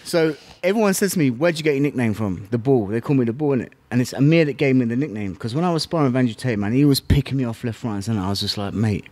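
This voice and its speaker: This fast-talking man from southern England has a medium-pitched voice, recorded with no echo. The former kickboxing champion tells stories as an interview guest in a casual setting, animated, slangy, and sweary, playing out old conversations.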